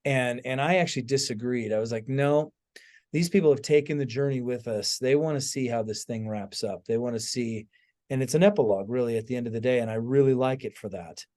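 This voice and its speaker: At a brisk clip, a man with a medium-pitched, darkish voice hosts a casual podcast chat. An author as well, he shares stories laced with emphatic asides while regularly checking in with whoever he's talking to.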